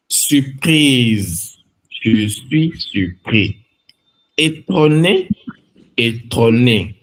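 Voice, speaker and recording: Very slow, lively-pitched male tutor. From France. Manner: carefully enunciated, word then example phrase. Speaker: language teacher. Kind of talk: slow vocabulary reading for learners.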